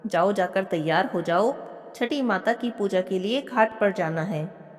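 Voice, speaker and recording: A woman's voice: mid-range voice, a little slow, close to an everyday voice. A woman voicing a patient young husband. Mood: placating. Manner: placating, reasonable. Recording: long hall reverb.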